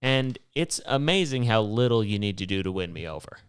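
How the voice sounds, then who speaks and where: A man's voice: on the low side, lively intonation, fairly quick, clean tone, no echo, studio quality. A man hosting his own podcast, telling a rambling, wry story with plenty of swearing. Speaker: podcast host. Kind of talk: casual solo storytelling.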